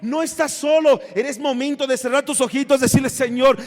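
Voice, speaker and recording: A Mexican man preaching a sermon as pastor, impassioned, swinging from shouts to low asides. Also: a little fast, big-room sound. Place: church sanctuary.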